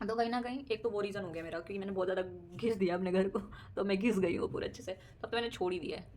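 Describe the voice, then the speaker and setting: Chatting very fast in a mid-range, slightly mellow voice, a young woman vlogger tells the camera about her everyday life. She sprinkles in English words and laughs a lot over slight background noise.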